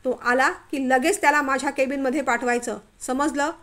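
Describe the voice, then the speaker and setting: A woman's voice: high voice, fairly even intonation, moderate pace. Woman voicing a furious, stern male office boss. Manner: shouting accusations, stern. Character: angry middle-aged male office boss, harsh.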